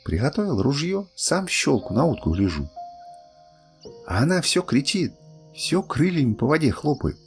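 Old guy reading a bedtime story, gravelly, voice goes up and down a lot, soft music behind. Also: a little high, normal speed. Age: older. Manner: lively, expressive storytelling.

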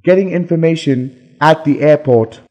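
A man reading the lines of a scripted English lesson dialogue in a plain, measured way. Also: fairly high pitch, darkish tone, in a large hall.

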